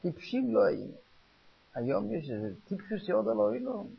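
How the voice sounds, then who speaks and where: Here the older rabbi's voice is high, sing-song, creaky and slightly rough. He addresses listeners informally and emphatically, repeating phrases and mixing in Yiddish-style German, and the recording is dull and lo-fi.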